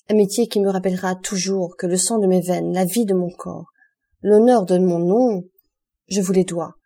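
A man's voice: sits high, dark tone. Woman voicing Albert, anguished young nobleman. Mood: impassioned. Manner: impassioned, emotional, exclamatory.

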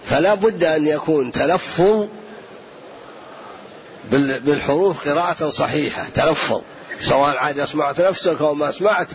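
A man answers questions in a religious lesson, with a somewhat high voice. He explains in a measured way and repeats points to drive them home. The recording sounds dull and lo-fi.

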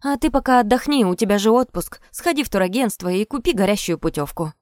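A woman reader voicing a brisk middle-aged businesswoman mother who scolds and brushes off her daughter. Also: mid-range voice, lively intonation, darkish tone, no echo, studio quality, close to an everyday voice. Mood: scolding.

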